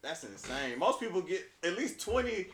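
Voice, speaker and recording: A man's voice: high-pitched, very animated, normal speed, fairly bright tone. A man hosting a casual basketball chat, reading out stats and news in a laid-back, slangy bro style. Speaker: host of a basketball talk show. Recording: echoey room.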